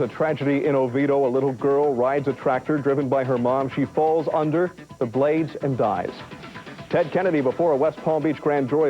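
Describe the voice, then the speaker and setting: A man reading a TV newscast promo as the anchor, in a steady, measured way, heard from a worn VHS tape copy. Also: medium pitch, highs cut off. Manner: steady, measured newsreader delivery. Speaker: TV news anchor.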